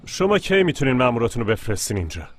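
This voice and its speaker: A man's voice: medium pitch, big pitch swings, slight background noise, close to an everyday voice. A man dubbing a film role as an indignant, argumentative man who insists the house is his. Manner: protesting, insistent. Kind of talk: dubbed film dialogue. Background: music.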